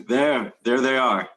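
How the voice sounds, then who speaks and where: A man's voice: medium pitch, a bit bright. A man playing a haughty, gloating old tyrant king with grand, menacing theatrical delivery in a play reading. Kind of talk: dramatic table read of a stage play.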